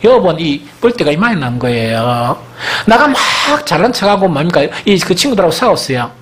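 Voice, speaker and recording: Man, pastor, Gyeongsang accent, sermon, rhetorical questions, lively swooping pitch. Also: a little fast. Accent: Gyeongsang Korean. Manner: animated preaching with frequent rhetorical questions to the congregation.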